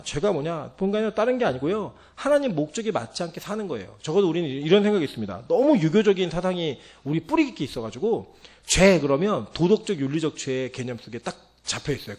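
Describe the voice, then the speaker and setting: A man preaching a sermon with a high, lively voice that swings widely in pitch. He talks fast and animatedly, acting out the voices he quotes as he speaks. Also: breathy edge. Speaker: pastor.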